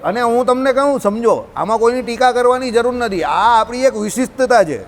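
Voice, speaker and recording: A man's voice: very high-pitched, expressive, a little fast. A man with a Gujarati accent giving an informal scripture talk to a group, often checking with listeners by asking questions. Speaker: religious discourse teacher.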